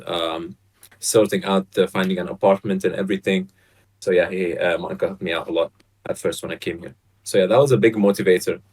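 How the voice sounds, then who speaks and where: A young man in his twenties who grew up in Saudi Arabia, a podcast guest on a video call, talking casually with lots of fillers and restarts. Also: sits low. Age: 20s. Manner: relaxed, hesitant, many fillers and restarts. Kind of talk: casual chat. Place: bright apartment room, indoors. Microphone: headset on a video call.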